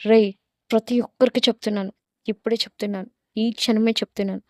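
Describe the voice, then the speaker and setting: A woman voicing an arrogant, possessive young male college tough who talks low and threatening. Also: fairly even intonation, fast talker, darkish tone, no room sound, studio quality, close to an everyday voice. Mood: menacing. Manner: low menacing growl, threatening.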